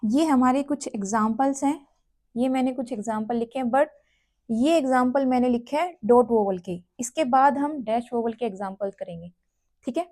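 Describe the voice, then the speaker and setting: This woman's voice is a little high and warm in tone. She teaches shorthand in a step-by-step classroom lesson, slowly and repetitively working through each sound and each place, one at a time.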